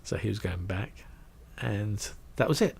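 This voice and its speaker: Man telling a lively anecdote. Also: fairly low pitch, a little slow, creaky, slightly rough. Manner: animated, acts out quoted voices, trails off into asides. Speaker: guest recounting his career. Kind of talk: casual anecdotal storytelling.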